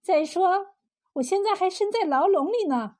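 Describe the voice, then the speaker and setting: A woman storyteller voices a sly young woman who runs a noodle shop in a folk tale. She talks high and brisk with a teasing lilt, her tone warm and mellow. She sounds clever and sure of herself. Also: very animated. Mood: plaintive. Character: sly, quick-witted young woman innkeeper.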